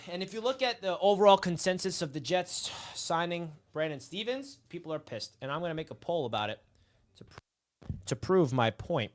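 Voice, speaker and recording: Hosting a laid-back live sports stream in the sun, a man addresses his chat in an excited, talkative way. His voice is a little high and a bit bright.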